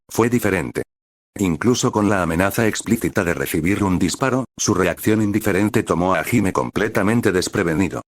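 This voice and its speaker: A man reading a story as narrator in an even, steady way. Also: deep voice, dry recording, clean studio sound.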